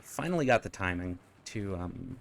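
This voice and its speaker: A man's voice: sits low, animated, moderate pace, gravelly. A man giving casual, muttered running commentary while streaming a game.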